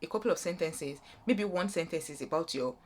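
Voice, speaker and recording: Brisk and low-voiced, this young woman speaks with a Nigerian accent over a slight hiss or hum. Her vlog offers student application advice in an unscripted, informal explainer where she wanders and restates her points.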